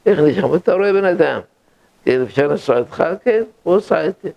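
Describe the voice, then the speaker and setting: A man giving a religious lecture full of stories, repeating words for emphasis with animated bursts. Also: a little high, vocal fry. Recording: dull lo-fi recording.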